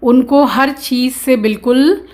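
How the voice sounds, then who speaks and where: A woman's voice: sits high, takes it slowly, darkish tone. A woman vlogger at home, earnestly explaining how she cares for her pet dog. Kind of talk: casual explanatory vlog talk.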